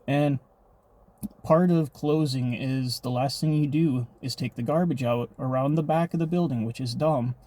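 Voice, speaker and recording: A man's voice: medium pitch, normal speed, mellow. A man telling a personal story in a rambling, profane, casual vlog monologue.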